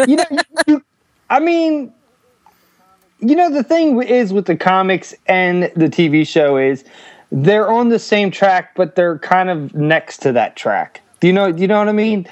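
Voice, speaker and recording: Guest caller: a man, slightly high voice, eager and rambling, heard over a dull, dry call-in line. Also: animated, a little slow, no room sound. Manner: eager, rambling, many restarts. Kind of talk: casual podcast chat.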